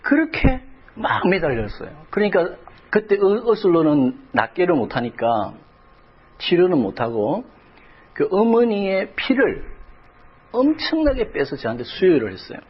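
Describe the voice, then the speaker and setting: A man's voice: high-pitched, very animated, unhurried, husky, dull audio. A middle-aged male pastor preaching a sermon, telling a personal story with emotion that rises toward crying out in prayer. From South Korea.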